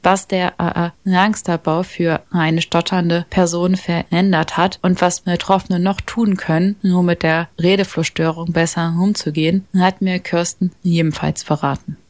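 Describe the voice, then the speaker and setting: A woman's voice: fairly low pitch, little pitch movement, measured pace, few pauses, no echo. A woman radio reporter who stutters, reading feature narration with repeated sounds and fillers.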